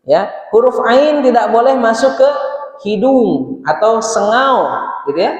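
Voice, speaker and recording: In an echoey mosque hall with long reverb, a man with a Sundanese Indonesian accent teaches Quran recitation, patiently repeating and chanting each verse so listeners can follow. His voice is very high, animated and a little slow, with lo-fi sound.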